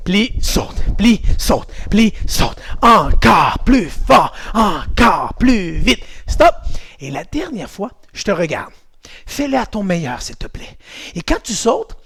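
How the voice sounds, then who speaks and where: Guy coaching kids karate, high voice w/ some gravel, shouting counts. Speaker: karate instructor. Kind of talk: online kids' karate class.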